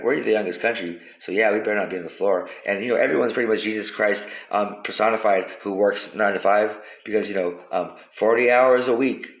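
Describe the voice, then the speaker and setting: A man's voice: fairly low pitch, vocal fry. A man giving a rambling, profane philosophical monologue, repeating himself for emphasis. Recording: roomy echo.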